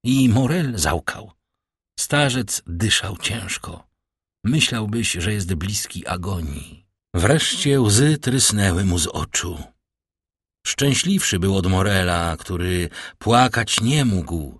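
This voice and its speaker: A man narrating a classic novel as an audiobook in a measured, dramatic reading. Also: low-pitched, expressive, fairly bright tone, husky, dry recording, studio quality.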